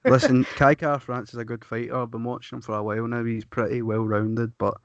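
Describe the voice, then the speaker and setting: A man talks fights in a blunt, sweary way and cuts over the other person. His voice sits at a middle pitch. The recording is dull and lo-fi with no room sound. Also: flat delivery, fairly quick, dry recording. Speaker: podcast co-host. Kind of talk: casual sports chat.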